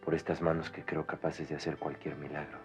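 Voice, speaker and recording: An actor playing a proud, bitter orphaned young man in a 1990s Mexican telenovela, speaking gravely with a Mexican Spanish accent. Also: very deep voice, little pitch movement, over music. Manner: grave, bitter, measured delivery. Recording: dull lo-fi TV audio, faint score.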